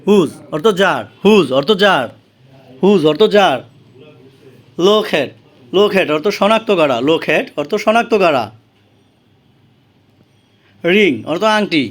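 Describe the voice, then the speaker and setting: High-pitched guy w/ bangladeshi accent drilling english words, slow and repetitive. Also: animated. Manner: slow, deliberate, repeats each word. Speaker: English teacher. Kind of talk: vocabulary drill, each word and meaning repeated.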